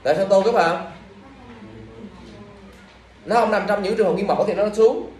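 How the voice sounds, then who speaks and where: A man's voice: high voice, normal speed, a little mellow, slight background noise. A male teacher, reviewing exam questions in class and quizzing students with repeated questions. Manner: scolding, drilling questions at students. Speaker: English teacher. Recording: echoey room from far off.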